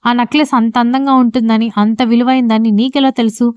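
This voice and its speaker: A stern elderly grandmother, as read by a woman narrator in an audio storybook, pressing her questions one after another. The voice sits a little high and runs quickly, smooth and clear. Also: fairly even intonation, a little mellow, no room sound, lo-fi sound, lightly acted. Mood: probing. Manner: questioning, probing.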